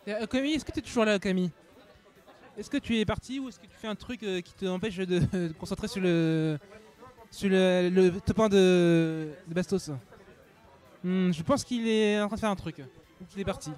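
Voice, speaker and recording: A man's voice: high-pitched, moderate pace, darkish tone. A man co-commentating a fighting game in a joking, playful, rambling way. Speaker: esports co-commentator.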